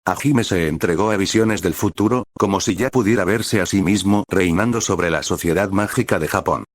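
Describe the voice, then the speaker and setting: A man reading a story as narrator in an even, steady way. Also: deep voice, moderate pace, no room sound, studio quality.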